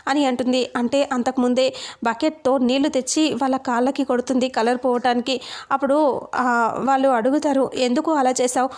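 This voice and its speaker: A woman's voice: sits high, steady tone, darkish tone. A woman retelling a television serial episode, quoting the characters' lines as she goes. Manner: brisk retelling with quoted dialogue.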